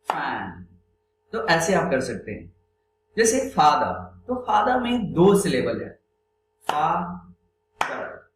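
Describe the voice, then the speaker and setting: A man teaches an English grammar lesson, reading words one by one and explaining them in Hindi mixed with English phrases. His voice sits a touch high and he speaks very slowly and deliberately. The room rings with echo over a faint hum. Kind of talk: classroom-style grammar lesson.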